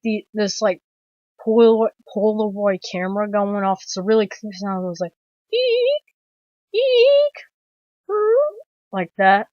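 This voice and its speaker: A woman talks through a film review in a loose, rambling way, packing her sentences with "like" and restarts and swearing now and then. Her voice sits at an ordinary middle pitch. The sound is dry and dull, like a lo-fi recording. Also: no echo. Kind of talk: casual film review retelling a plot.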